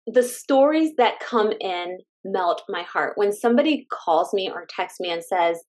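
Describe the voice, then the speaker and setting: Enthusiastic stay-at-home mom from California. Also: female voice, mid-range voice, lively intonation, measured pace, darkish tone. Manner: heartfelt and enthusiastic, laughs often. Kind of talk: casual interview chat.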